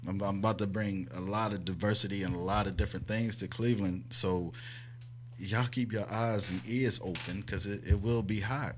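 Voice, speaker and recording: A fairly low-voiced man from New Jersey chats easily as a guest on a local radio show. He talks in a relaxed, storytelling way. A faint hiss sits under his voice. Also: moderate pace. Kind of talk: casual radio chat.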